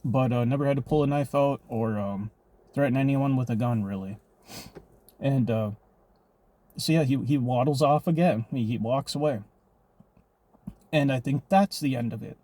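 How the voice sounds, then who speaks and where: A man's voice: mid-range voice, normal speed, long pauses, warm tone. Rambling, profane storytelling man. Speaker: vlogger telling a personal story. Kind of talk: casual storytime monologue.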